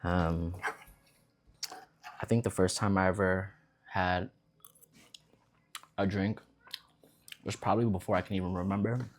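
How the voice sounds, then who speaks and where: Eating at home, a young vlogger who grew up in Vietnam rambles casually for his eating vlog. He has a deep, steady voice, keeps a measured pace, and leaves long pauses.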